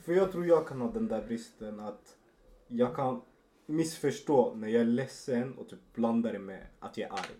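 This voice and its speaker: A man's voice: mid-range voice, mellow. A man in a casual podcast chat, speaking candidly and reflectively about his feelings. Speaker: podcast co-host.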